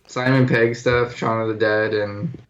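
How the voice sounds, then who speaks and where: A man's voice: fairly low pitch, little pitch movement, measured pace, muffled recording. A young man co-hosting a casual podcast chat, easygoing and agreeable, who trails off into fillers. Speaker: podcast co-host.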